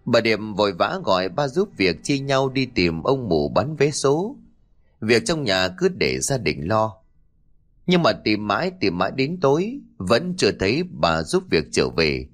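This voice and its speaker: A man's voice: fairly low pitch, big pitch swings, unhurried. A man narrating a horror story with dramatic delivery.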